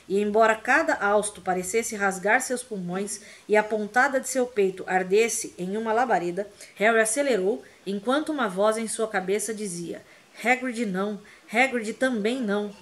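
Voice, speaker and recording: Female audiobook narrator; expressive, vivid storytelling. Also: mid-range voice. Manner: dramatic, vivid reading. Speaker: audiobook reader.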